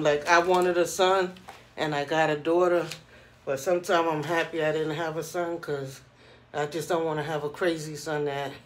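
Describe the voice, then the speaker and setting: A middle-aged man giving casual, rambling commentary as a vlogger in informal street slang. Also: fairly high pitch. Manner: informal street slang, repeats "you know what I'm saying".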